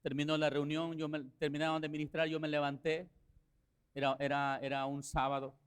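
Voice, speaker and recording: A man preaching a sermon as pastor, telling a story with rising passion and quiet, slow passages. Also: on the high side, little pitch movement, clear, resonant tone. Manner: impassioned preaching, swelling to shouts then dropping soft.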